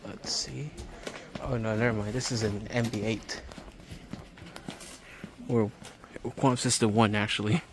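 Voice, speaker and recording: Walking the aisles of a big home improvement store, a man narrates casually and haltingly for his vlog, absorbed like a hobbyist. His voice is on the low side with fairly even intonation, captured by a handheld phone with noticeable background noise.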